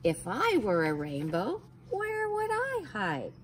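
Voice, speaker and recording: On a backyard patio beside a wooden fence, a woman in her forties reads a children's picture book aloud as a storytime reader. Her medium-pitched voice is unhurried and very animated, rising and falling in a sing-song way as she sounds out letters and gasps for effect. A faint hum of outdoor air runs beneath her.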